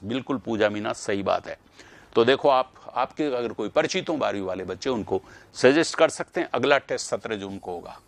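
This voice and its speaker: A man's voice: lowish voice, creaky, dry recording. Man teaching a live online class. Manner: drills pronunciation aloud, calls out students' names. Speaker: online Hindi exam teacher.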